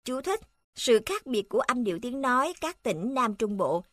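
A woman reads a textbook aloud in a steady, formal way, voicing each section heading as she goes. Her voice sits a little high and sounds close and dry, with no room around it. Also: normal speed, no room sound. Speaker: narrator reading a textbook. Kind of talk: scripted reading aloud.

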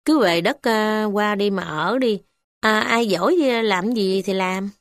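A woman with a Southern Vietnamese accent voicing a timid middle-aged male village official who speaks in a slow, apologetic way. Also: medium pitch, dry recording, studio quality, natural voice. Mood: resigned.

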